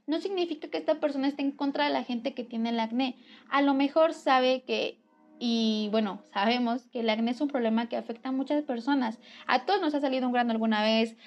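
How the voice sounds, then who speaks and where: Young Mexican woman vlogger, earnest and chatty, slightly high voice, muffled home recording. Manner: earnest, conversational, lively emphasis. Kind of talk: casual advice talk to camera. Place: home near a railway.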